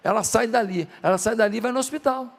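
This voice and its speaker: High-voiced pastor preaching in a hall. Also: male voice, quick pace. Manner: acts out quoted dialogue in softer voices; asks the congregation rhetorical questions. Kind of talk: sermon.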